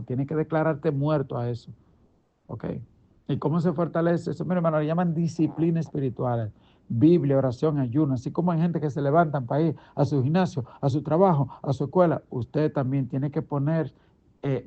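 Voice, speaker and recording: A middle-aged man, a pastor preaching a daily devotional in an emphatic, conversational way, full of rhetorical questions. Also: a little high. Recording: dull lo-fi recording.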